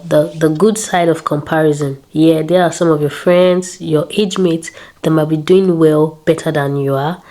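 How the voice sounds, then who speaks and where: A woman in her late twenties with a low, slightly mellow voice vlogs casually and upbeatly about her faith. She repeats words and adds prayerful asides.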